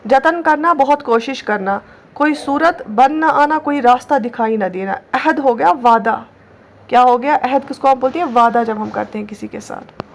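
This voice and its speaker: A woman's voice: sits high, vocal fry, slight background noise. A woman teaching an online Urdu class, patiently spelling out letters and words and often checking in with her students. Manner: patient, repeats words slowly, often checks with "theek hai". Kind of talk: online exam-prep lesson.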